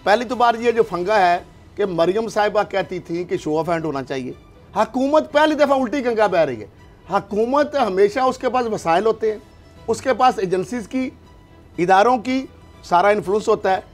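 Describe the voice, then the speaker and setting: Cutting into a heated political debate, a Pakistani-accented man argues forcefully and poses rhetorical questions, his high voice expressive and at normal speed. Music plays faintly behind.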